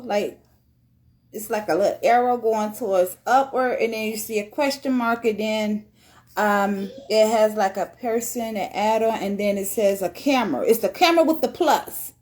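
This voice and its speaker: A woman's voice: fairly high pitch, unhurried, a little mellow. A woman hosting a casual live-stream podcast interview, chatty and upbeat, laughing often. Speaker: podcast host.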